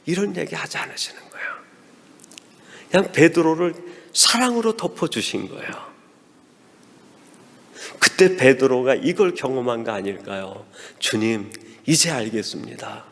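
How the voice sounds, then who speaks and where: A man preaching a sermon as pastor, telling a story and acting out quoted dialogue in a softer voice. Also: a little high, animated, normal speed, creaky, pauses often. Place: church sanctuary. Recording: long reverb of a church hall.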